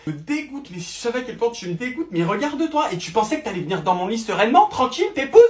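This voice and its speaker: A raging young girlfriend, put on by a man, screaming insults at a fast clip and pitched well above his own voice. Shrill and relentless, a comedy sketch character at full volume. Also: very animated, roomy sound, distant mic. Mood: furious. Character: furious jealous young girlfriend.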